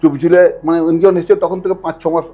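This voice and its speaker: A man who is an astrologer, a podcast guest telling stories in a casual, animated way, acting out other people's lines and urging the listener to imagine. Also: on the high side, fast talker, husky, soft background music. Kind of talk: casual storytelling in conversation. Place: podcast studio.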